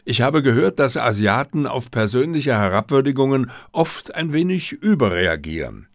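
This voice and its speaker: A man as an earnest, animated doctor sidekick. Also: medium pitch, normal speed, dry recording, clean studio sound. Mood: earnest, speculating. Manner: earnest, plain-spoken. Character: earnest, opinionated male doctor, detective's companion.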